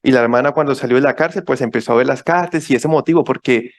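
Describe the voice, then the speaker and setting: Guest speaker at a church service, a man of middle pitch, methodical and explanatory, often repeating himself for emphasis. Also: quick pace. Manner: explanatory, repeats key points, checks in with listeners. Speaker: visiting ministry speaker. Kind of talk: church presentation.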